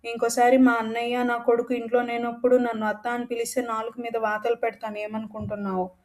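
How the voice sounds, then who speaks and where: A woman voicing a bitter, scheming middle-aged mother who scolds quickly and threatens. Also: fairly high pitch, little pitch movement, close to an everyday voice. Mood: angry.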